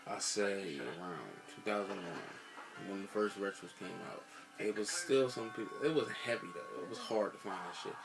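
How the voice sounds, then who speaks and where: A man's voice: fairly low pitch, normal speed, music in the background, rough recording. An American man in a casual rant to camera, blunt and emphatic, swearing heavily and repeating himself for emphasis. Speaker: sneaker vlogger.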